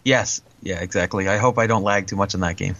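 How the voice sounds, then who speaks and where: A man's voice: sits low, steady tone, brisk, a bit bright, no echo. A man co-hosting a casual podcast chat, his voice muffled and distant as if through a wall. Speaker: podcast co-host. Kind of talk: casual chat over an online call.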